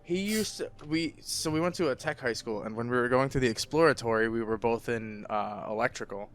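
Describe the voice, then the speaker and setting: A man's voice: medium pitch, fairly quick. A young man co-hosting a casual podcast, telling rambling, profane stories. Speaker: podcast co-host. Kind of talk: casual chat.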